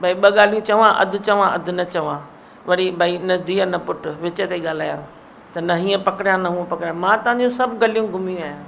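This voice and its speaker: A woman's voice: lowish voice, fairly even intonation, fairly quick, vocal fry, fairly bright tone, a little hiss or hum. A woman guru gives a sermon, scolding and teasing her listeners and mimicking their mumbling. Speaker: spiritual guru. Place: satsang hall.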